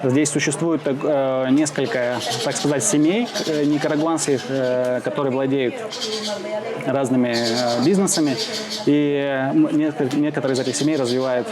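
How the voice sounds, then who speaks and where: A man from Siberia being interviewed outdoors in the shade, answering slowly with many pauses, fillers and restarts. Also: mid-range voice, fairly even intonation. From Russia (Siberia). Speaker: interviewee, expat businessman. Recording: outdoor crowd noise behind.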